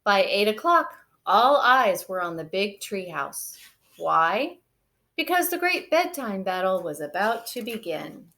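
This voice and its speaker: A woman storyteller reads a children's picture book aloud expressively, in a medium-pitched, unhurried voice.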